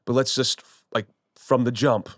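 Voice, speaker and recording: A man's voice: medium pitch, fairly even intonation, unhurried, no echo, studio quality. A man in his forties, a pastor co-hosting a casual church podcast, talking conversationally and often repeating words as he thinks. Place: studio room with podcast team.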